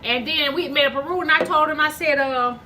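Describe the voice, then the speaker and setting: This mukbang vlogger talks fast in a high, pushed, bright voice, with a little hiss or hum on the track. She eats while casually telling stories to y'all, acting out dialogue and chewing between phrases.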